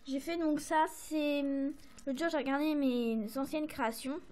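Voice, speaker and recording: High-voiced French woman chatting about crafts. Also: fairly even intonation, measured pace, darkish tone. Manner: chatty, hesitant, many fillers and apologies. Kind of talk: casual show-and-tell to camera.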